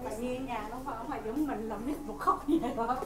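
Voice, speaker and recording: A woman's voice: a little high, quick pace, heavy background noise. A woman bantering and teasing with jokes in a casual chat in a nail salon.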